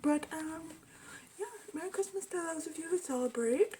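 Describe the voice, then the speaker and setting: A woman's voice: extremely high pitch, moderate pace, mellow, rough recording. A woman beauty vlogger chatting casually as she reviews her monthly makeup bag, hesitant and full of fillers. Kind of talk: casual product review chat.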